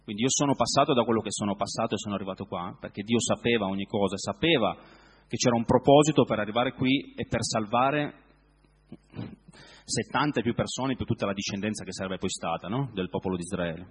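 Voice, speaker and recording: A man preaching a sermon in a reflective way, often pausing to search for words. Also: fairly low pitch, breathy edge, in a large hall.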